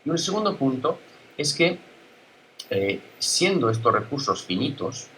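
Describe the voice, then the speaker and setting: An Italian man, a native Italian speaker, giving a conference talk as a guest speaker, halting, with many fillers and restarts. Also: medium pitch, big pitch swings, a bit bright, slight background noise, rough recording. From Italy.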